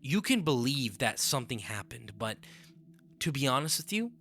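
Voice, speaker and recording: Bright-voiced man reading a story. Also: medium pitch, very animated, moderate pace. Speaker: narrator.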